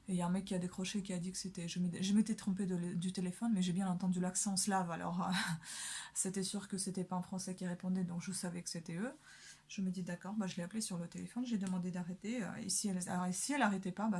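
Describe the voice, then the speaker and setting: A woman's voice: on the low side, warm tone, slightly rough. A young woman chatting casually while doing her makeup, full of hesitations and fillers. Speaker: beauty vlogger.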